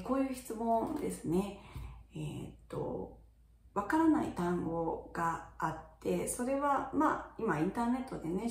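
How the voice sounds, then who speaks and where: A middle-aged woman teaching in a casual video lesson, chatting with many fillers and sounding out words slowly to show them. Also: on the low side, darkish tone, reverberant, distant mic. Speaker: English teacher for young children.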